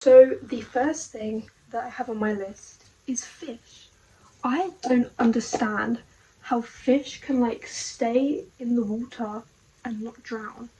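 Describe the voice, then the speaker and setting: A young woman rambles through her video diary in a slightly high voice. She talks casually and in a puzzled way, stacking up "like"s and rhetorical questions. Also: takes it slowly, background noise. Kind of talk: casual rambling monologue to camera.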